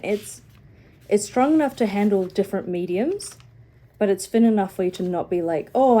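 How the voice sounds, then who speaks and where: Young woman, nasal, congested, sniffly, rambling casual chat, mellow tone, phone recording. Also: mid-range voice. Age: young adult. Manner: rambling, many "like"s, self-deprecating. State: sniffling, a bit out of breath. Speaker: art vlogger.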